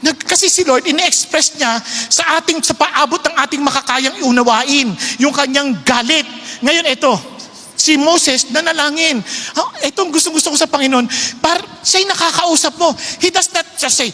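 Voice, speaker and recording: A Filipino man preaching with a high voice that often rises higher, acting out the prayers and speeches he quotes. His tone is bright and sharp. The sermon rings with a long echo from a large hall. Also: moderate pace. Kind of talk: sermon mixing Tagalog and English.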